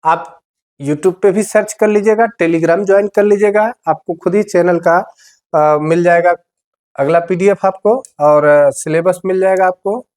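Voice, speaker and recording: A man's voice: sits high, a little slow, darkish tone. A male teacher giving a board-exam grammar lesson, explaining patiently, repeating key words and speaking straight to his students.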